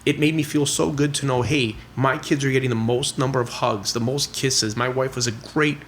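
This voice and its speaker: A man's voice: mid-range voice, fairly even intonation, moderate pace, a bit bright, slight background noise. Chatty middle-aged man telling stories. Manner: chatty, heavy on "you know" and "like" fillers; acts out family dialogue in quotes. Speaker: podcast guest, real estate investor. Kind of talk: casual storytelling interview.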